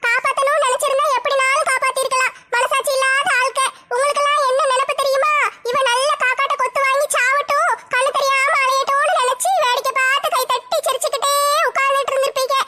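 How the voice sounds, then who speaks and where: A squeaky one-eyed gossip. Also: female voice, little pitch movement, fast talker, few pauses, sharp tone. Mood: bitter. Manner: accusing, taunting village gossip. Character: gossiping one-eyed village woman, meddlesome and spiteful.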